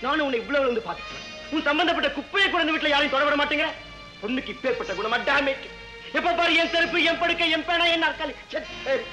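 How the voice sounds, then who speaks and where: A man's voice: extremely high pitch, fast talker, over music, poor audio. An actor playing an elder brother who lectures his sister sternly and then coaxes her playfully, in a 1970s film drama. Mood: scolding.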